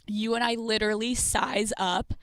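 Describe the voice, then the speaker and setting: A woman's voice: mid-range voice, steady tone, normal speed, dry recording, studio quality. A young woman in her twenties co-hosting a podcast, brash and crude, laughing often. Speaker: podcast co-host. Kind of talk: casual chat.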